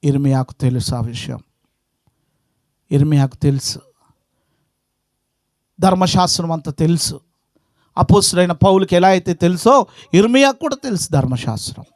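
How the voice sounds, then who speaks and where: High-voiced man preaching with swinging intensity. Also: lively intonation, moderate pace, long pauses, no room sound, clean studio sound. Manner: swings between loud, high-pitched exhortation and low, quiet asides; preaching with repeated rhetorical questions. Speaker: pastor. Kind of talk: sermon. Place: house prayer meeting.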